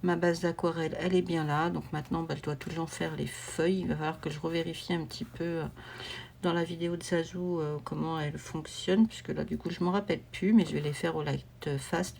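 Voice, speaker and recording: A woman talks casually to her camera at home, wandering from thought to thought and filling the gaps with little hesitations. Her voice sits a bit low, and faint noise is under her. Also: gravelly, a little mellow. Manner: rambling, meandering, with many fillers and restarts. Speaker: coloring vlogger.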